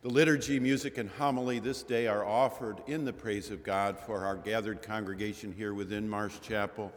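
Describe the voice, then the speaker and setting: Low-voiced minister man, slow solemn liturgy, big cathedral echo in a chapel. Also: steady tone. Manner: measured, solemn liturgical delivery. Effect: cathedral-like echo of a large chapel. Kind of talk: leading a worship liturgy. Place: large chapel. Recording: long chapel reverb, radio broadcast.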